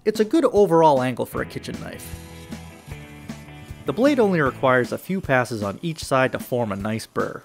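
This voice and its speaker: A man's voice: medium pitch, very animated, moderate pace, vocal fry, soft background music. A man with a nasal voice, hosting and narrating a step-by-step knife-making build, upbeat with jokey asides. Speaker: knife-making channel host.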